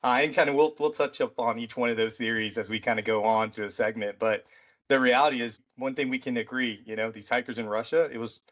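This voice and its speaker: A man's voice: mid-range voice, fairly even intonation, fast talker, a bit bright. A man hosting a mystery podcast in a loose, rambling chat, peppered with "you know" and "right". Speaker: podcast host; military veteran.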